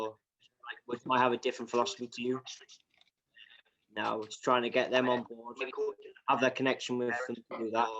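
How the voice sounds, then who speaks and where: A man's voice: mid-range voice, a bit bright. A man, speaking hesitantly with ums on a video call. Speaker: coach. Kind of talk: casual video-call discussion. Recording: muffled video-call audio with faint noise.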